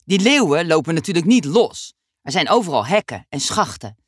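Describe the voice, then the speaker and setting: A woman voicing a patient male schoolteacher who explains things slowly. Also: sits low, slightly rough, no echo, clean studio sound, exaggerated voice. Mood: calm. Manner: calm explaining, slow.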